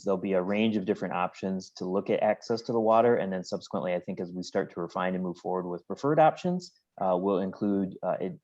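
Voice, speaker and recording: Low-voiced man, hesitant webinar Q&A on a dull video call. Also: a little mellow. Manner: hesitant, many fillers and restarts. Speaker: project engineer answering public questions. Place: home office with work being done. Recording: muffled lo-fi video call audio.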